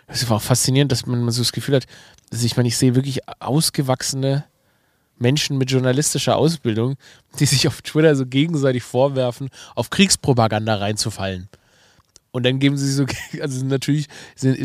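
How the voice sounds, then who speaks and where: A man's voice: mid-range voice, darkish tone, no echo, clean studio sound. A man hosting a podcast in a casual monologue with a nasal voice and a slight cold, rambling and self-mocking with many fillers. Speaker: podcast host and comedian.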